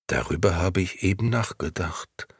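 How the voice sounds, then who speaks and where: A flustered, polite storybook barber, puzzled and hesitant, speaking low with a gravelly rasp, as a male reader plays him. The sound is close and completely dry. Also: animated, moderate pace, no echo, exaggerated voice. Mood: bewildered.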